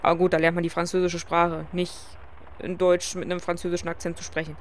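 A woman's voice: lowish voice, flat delivery, fast talker, a little hiss or hum. A woman hosting a let's play, commenting casually with self-ironic asides.

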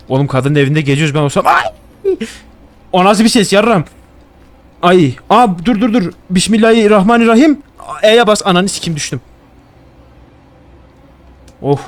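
A young man commenting on a horror game he plays at home. He gets jumpy, swears a lot and chats to the objects he finds. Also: on the high side. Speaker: gaming YouTuber. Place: home room.

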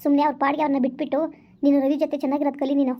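A woman's voice: high voice, level tone, racing, lo-fi sound. A woman plays a young woman's sensible friend in a village skit, earnestly giving advice. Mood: advising. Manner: earnest, advising. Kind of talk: village vlog skit acting.

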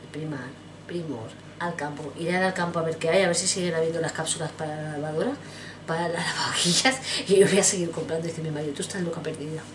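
A woman with a deep, low voice chats to camera at home. She rambles from topic to topic and addresses her viewers fondly. A steady background noise runs under the whole recording. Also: fast. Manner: rambling, chatty, affectionate, addresses viewers directly. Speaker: vlogger. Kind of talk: casual chat to camera.

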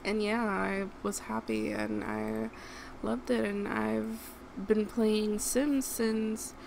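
Speaking slowly but with animation, a young woman from Puerto Rico, a gaming YouTuber, chats casually over gameplay, addressing the on-screen characters and scolding them in bursts of outrage. Her medium-pitched voice has vocal fry and a darkish tone, captured in a noisy home recording.

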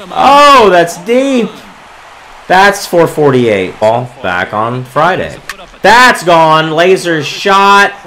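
A man giving excitable gameplay commentary, calling home runs like a sportscaster as he plays. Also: fairly high pitch, rough recording. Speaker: gaming video creator.

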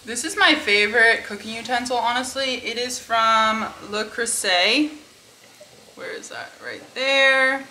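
A woman's voice: on the high side, expressive, unhurried, sharp tone. A young woman casually narrating a cook-along in her home kitchen, chatty and thinking aloud as she goes. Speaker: cooking vlogger. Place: home kitchen with sizzling pan. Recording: echoey kitchen, faint noise.

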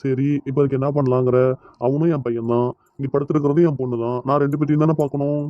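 A man's voice: medium pitch, quick pace, no room sound, highs cut off, natural voice. A man voicing an easygoing, teasing father in a cartoon, with a Kanyakumari Tamil accent. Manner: calm, teasing.

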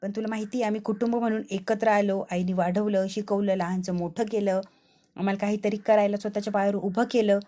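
A woman voicing a cheerful young woman who calmly encourages a friend not to lose hope. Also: mid-range voice, quick pace, close to an everyday voice. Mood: reassuring. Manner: soothing, encouraging.

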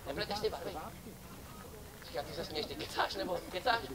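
A man performing as a street clown for children at an outdoor summer festival, joking and teasing volunteers from the audience. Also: high voice. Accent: Czech. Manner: playful, teasing banter with kids and audience. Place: outdoor festival stage before a crowd. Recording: lively crowd behind.

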